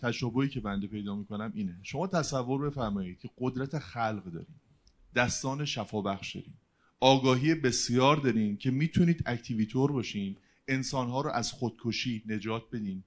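A middle-aged man from the audience asking a question in formal, deferential speech. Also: mid-range voice. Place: hall with a stage.

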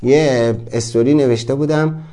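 A man's voice: mid-range voice, steady tone, mellow. Man giving an emphatic self-help talk. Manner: acts out dialogue, shifts voices dramatically. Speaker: motivational speaker.

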